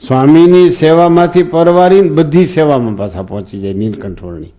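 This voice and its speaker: Speaking a little fast in a mellow, fairly high voice, a swami gives a sermon on scripture. He tells folksy stories and draws the hall in with questions.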